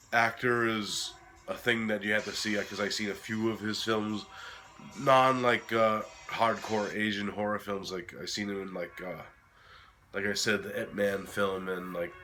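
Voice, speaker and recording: Sick man with a cracked, bright voice. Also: on the low side. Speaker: host of a horror film review series. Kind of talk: casual video review.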